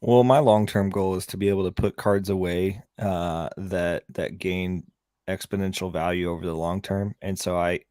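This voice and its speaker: A man with a lowish voice talks through his reasoning on a podcast panel. He is casual, colloquial and rambling, and the sound is dry and close. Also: fairly even intonation, normal speed, warm tone, no echo. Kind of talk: casual explanation.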